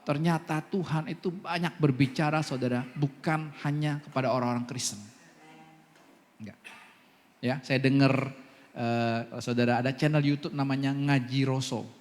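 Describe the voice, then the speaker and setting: A man's voice: mid-range voice, moderate pace. A man preaching a sermon as pastor, telling a story with lots of asides and laughter. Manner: lively storytelling with many asides, laughing often. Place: church hall. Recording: long church-hall reverb.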